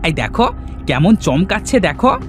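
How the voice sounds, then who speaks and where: A man's voice: high voice, very animated, moderate pace, faint music behind. An actor voicing an eager, servile male bandit henchman in a cartoon. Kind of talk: cartoon voice acting.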